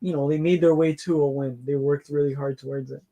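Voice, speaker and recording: A man's voice: on the high side, fairly even intonation, fairly quick, mellow, highs cut off. A man co-hosting a football watchalong, telling long rambling stories with lots of fillers and restarts. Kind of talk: casual chat.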